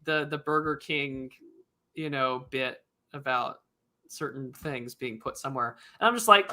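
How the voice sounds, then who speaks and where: A man's voice: mid-range voice, unhurried, bright, forceful tone. A man co-hosting a casual live stream chat, rambling and joking with lots of fillers and restarts. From United States. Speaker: podcast co-host.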